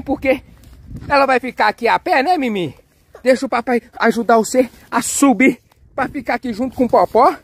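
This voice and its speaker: A young father, filming his kids at play outdoors and narrating in an excitable, coaxing way. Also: very high voice, dry recording. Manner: excitable, coaxing, cheers and exclaims often. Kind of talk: playful family vlog narration. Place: outdoors on a street and yard.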